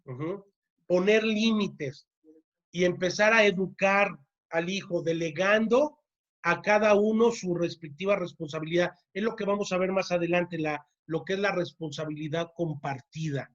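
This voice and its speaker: A church teacher runs a parenting class in a mid-range voice at a normal pace, and the audio sounds dull. She keeps asking the audience "¿sí?" and repeats key words to drive them home.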